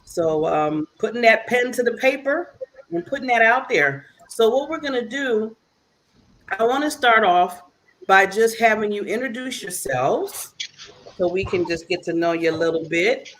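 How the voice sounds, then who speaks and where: A woman's voice: fairly high pitch, expressive, moderate pace, a bit bright. A woman hosting a casual online talk show over a video call, chatty and laughing often.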